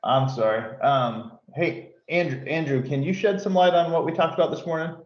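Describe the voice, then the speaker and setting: A man's voice: a little high, moderate pace. A polite, slightly hesitant man giving an update in a meeting, sounding like he is in an echo chamber and too far from the mic. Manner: polite and hesitant, says "yes sir". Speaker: meeting attendee reporting field issues. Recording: echoey muffled remote mic far off.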